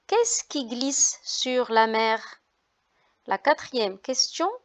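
A woman teacher reading a simple text aloud and carefully explaining its pronunciation to learners, spelling out letters and repeating words. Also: on the high side. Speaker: French teacher.

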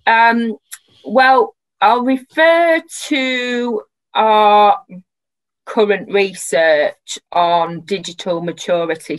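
A woman speaks in a fairly low voice and at a very slow pace. She sounds reflective and hesitant, like a panellist thinking through an answer. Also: rough recording. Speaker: researcher on a panel. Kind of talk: thoughtful webinar answer. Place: room at home, indoors. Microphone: computer microphone on video call.

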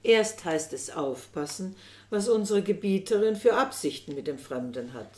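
A woman's voice: mid-range voice, lively intonation, moderate pace, darkish tone, lightly acted. A woman voicing a suspicious young manservant who muses warily to himself, in a roomy recording. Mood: musing. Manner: musing, wary. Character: suspicious young male servant, brooding. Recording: roomy echo.

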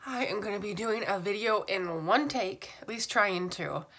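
Stuffed up with a cold, a woman in her thirties chats her way through a makeup tutorial as a beauty vlogger in a small room at home. She speaks at a normal speed in a mid-range, slightly bright voice.

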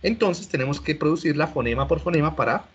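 Speaking quickly in a slightly high voice, a male lecturer teaches online, explaining things step by step, asking his students questions, and often starting over mid-phrase. The dull, lo-fi recording carries a little hiss or hum.

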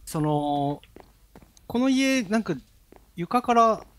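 Guy on a game stream cracking jokes, voice a bit high, goes up and down a lot. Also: expressive, very slow. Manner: joking, teasing. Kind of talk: live gaming chat.

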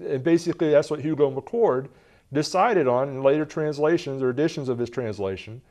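Warm and mid-range in pitch, this man's voice belongs to someone in his forties who teaches a Bible lesson from a lectern in a TV studio. He reads passages aloud earnestly, gesturing as he goes.

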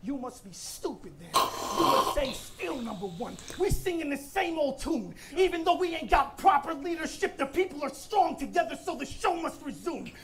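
A man's voice: very high-pitched, animated, moderate pace, few pauses, fairly bright tone, soft background music. A man performing a live battle rap, delivering taunting punchlines with laughing asides. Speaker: battle rapper. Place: live battle event before a crowd. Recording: crowd noise from a live event.

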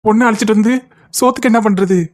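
A man's voice: high-pitched, fairly even intonation, lightly acted. A man voicing an anxious young male friend in a cartoon, fretting and complaining. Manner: fretful, fast complaining. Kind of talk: cartoon voice acting.

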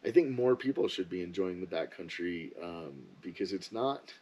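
A man talks in a loose, rambling way and freely shares his opinions in a casual vlog. His voice sits on the low side, with a husky, slightly breathy grain. He sounds like someone chatting straight to his viewers. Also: animated, normal speed, mellow, highs cut off. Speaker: ski vlogger. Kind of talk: casual monologue.

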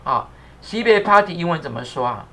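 A man's voice: fairly high pitch, animated, brisk, creaky, fairly bright tone. A man teaching English on a live stream. He spells words out letter by letter, repeats each phrase, uses many fillers, and thanks viewers as he goes. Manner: thanks viewers and asks the crew to fix captions.

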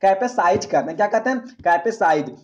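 A man's voice: high-pitched, animated, a little fast, dull audio. A man teaching English vocabulary in an exam-prep lesson, asking his students questions and repeating the answers. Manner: repetitive question-and-answer teaching, asks "friends" often.

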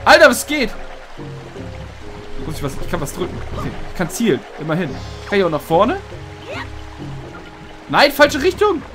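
Joking, slangy let's player. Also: male voice, high voice, wildly swooping pitch, normal speed, long pauses. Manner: joking, slangy, swears at the game. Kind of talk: casual gameplay commentary. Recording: game music behind voice.

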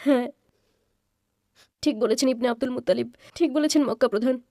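Dub casting: a woman as a devoted, tearful servant, high voice, dry recording. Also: a little fast, mellow, dry recording, lightly acted. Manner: pleading, heartfelt. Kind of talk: dubbed drama dialogue.

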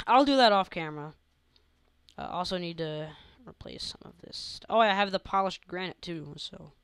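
Young male gamer, chatty, goofy, crisp voice, dry recording. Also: high-pitched, moderate pace, fairly bright tone, no room sound. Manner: chatty, goofy, talks to viewers often. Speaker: gaming channel host. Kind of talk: casual gameplay commentary.

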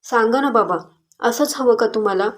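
A woman's voice: a little high, moderate pace, natural voice. A woman voicing a determined young daughter who speaks up firmly and earnestly in a story reading. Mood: defiant. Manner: firm, earnest pleading.

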